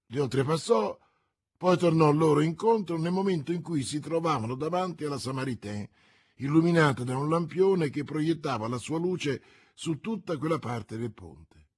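A man with a husky voice narrating a classic novel aloud in a measured, dramatic storytelling manner. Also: on the high side. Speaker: audiobook narrator. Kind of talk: scripted literary narration.

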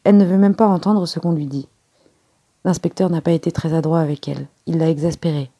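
A woman's voice: low-pitched, fairly even intonation, fairly quick, mellow. A woman reading aloud and voicing a poised, reserved young secretary who speaks earnestly. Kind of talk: audiobook character reading.

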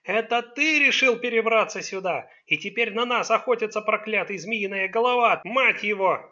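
Defiant teenage son, sullen and resentful, bright raised voice, read by a man for a storybook. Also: high voice, animated, fairly quick, dull audio, voice pushed up. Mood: defiant shouting.

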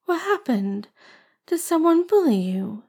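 A kind, patient young man in an audiobook, voiced by a woman, speaking softly and calmly. His tone stays soothing and quiet, a little above her own pitch. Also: unhurried, vocal fry, heavily acted. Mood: gentle. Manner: soft, calm and soothing.

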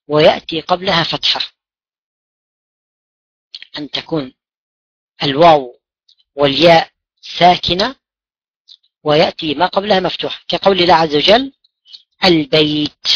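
A man's voice: a little high, a bit bright, no echo, muffled recording. A man teaching a class in a classroom-lesson style. He asks his students questions and then answers them himself. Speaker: religion teacher. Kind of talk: classroom lesson on Quran recitation rules.

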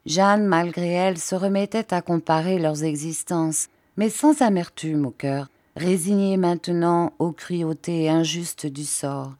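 A woman reading a classic novel aloud as an audiobook narrator, measured and even. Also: fairly low pitch, no room sound, clean studio sound. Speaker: audiobook reader.

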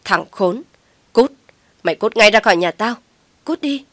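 A woman voicing a furious middle-aged mother who shouts and scolds in a storybook reading. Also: medium pitch, animated, measured pace, dry recording, natural voice. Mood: angry scolding.

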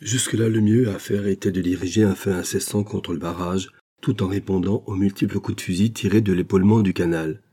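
A man reading a classic adventure novel aloud in steady, measured scripted narration. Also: deep voice, breathy edge. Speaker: audiobook narrator.

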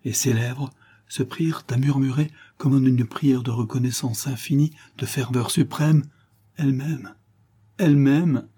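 Husky, dark-toned male narrator for a dramatic audiobook. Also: medium pitch, normal speed. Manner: expressive, dramatic storytelling. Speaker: audiobook reader. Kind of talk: scripted narration of a classic novel.

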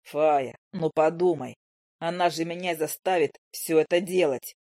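A calm, stubborn male hunter who answers everything in a low, deadpan drawl, as a woman reading the book puts him on. The voice sits close and dry, with no room around it. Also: a little slow, no echo.

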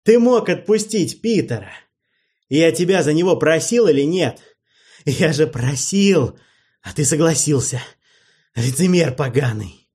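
A man voicing a despairing male necromancer king who pleads and rages in loud, anguished outbursts. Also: mid-range voice, lively intonation, takes it slowly, pauses often, pitched above the performer's own voice. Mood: angry.

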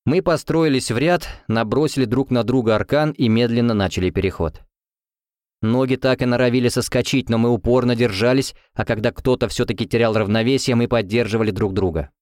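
Male audiobook narrator, steady measured read, mid-pitched, close dry sound. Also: no room sound. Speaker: audiobook reader. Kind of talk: scripted narration.

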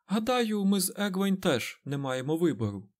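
Audiobook healer woman, dry and defiant, higher voice, read by a man. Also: big pitch swings, normal speed. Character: sharp-tongued young village healer woman.

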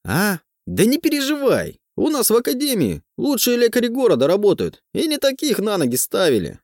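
A man voicing an excitable, loud middle-aged male teacher in an audiobook. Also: high voice, a little fast, no room sound, studio quality, pitched above the performer's own voice, exaggerated voice. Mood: excited.

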